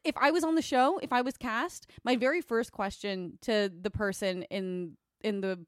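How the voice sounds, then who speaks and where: A woman's voice: fairly high pitch, steady tone, normal speed, smooth, no room sound, studio quality. A woman co-hosting a podcast in casual chat, giggling and musing with hesitations. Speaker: podcast co-host.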